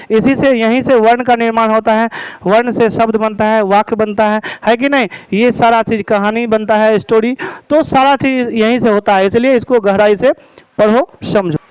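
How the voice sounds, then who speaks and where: A man's voice: extremely high pitch, a little mellow, smooth, no echo, highs cut off. A man teaching a grammar lesson, explaining step by step, repeating terms and checking that students follow.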